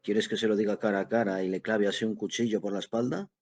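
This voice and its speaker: A man voicing a tired grown son who speaks calmly and evenly, in a husky voice. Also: fairly low pitch. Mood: bitter. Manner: calm, measured reading. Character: weary, patient grown son.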